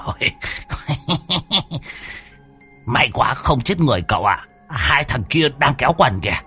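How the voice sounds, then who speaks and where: A man's voice: medium pitch, animated, fairly quick, sharp tone, faint music behind. A man voicing a jittery old male driver who grumbles and yelps in alarm. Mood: flustered. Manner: whiny, exclaiming.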